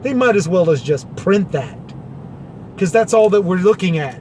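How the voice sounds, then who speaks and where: This male commentary vlogger's voice sits high and a little mellow, with lively intonation at a normal speed. He reads out a government order and sarcastically paraphrases it in plain terms over slight background noise.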